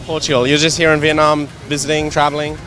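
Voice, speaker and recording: A young man hosting a casual street interview with a handheld mic, upbeat and teasing, firing quick follow-up questions on a busy city street. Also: on the high side, completely flat delivery, a bit bright.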